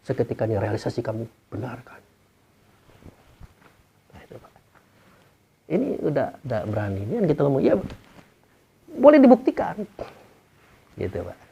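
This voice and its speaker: A man preaching a sermon, often putting questions to the audience and swinging his pitch up for emphasis. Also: sing-song, normal speed, creaky, long pauses, dark tone, a little hiss or hum. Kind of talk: sermon to a gathering. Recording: dull lo-fi recording.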